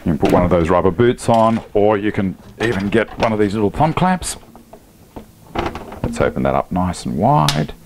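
A relaxed Australian man in his fifties talks through a workshop fix in a low voice, throwing in laughs and slang. He's on a lapel mic in his home workshop, with a faint hum of shop noise behind him. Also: normal speed. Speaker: woodworking channel host. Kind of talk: casual workshop demonstration. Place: home woodworking workshop indoors.

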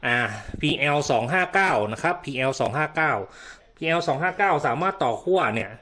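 A man's voice: fairly high pitch, animated, brisk, pushed and bright. A man giving a casual hands-on product demonstration, explaining step by step and often repeating himself with polite particles. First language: Thai.

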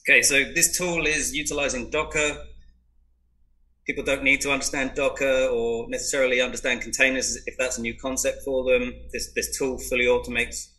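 Bright-voiced man giving a software demo. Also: medium pitch, little pitch movement, a little fast, low-quality recording. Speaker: customer success manager.

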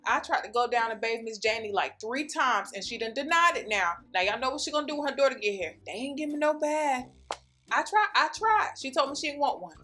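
Comic woman as a chatty nursing home aide, sassy and gossipy, higher-pitched voice, faint music behind. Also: fairly bright tone. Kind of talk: comedy sketch monologue.

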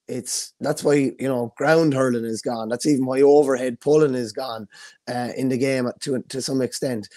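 A man's voice: medium pitch, dark tone, no room sound, clean studio sound. A young Irish man on a video call, enthusiastically talking through hurling statistics. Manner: enthusiastic, stat-driven. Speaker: hurling analyst. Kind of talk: casual sports analysis.

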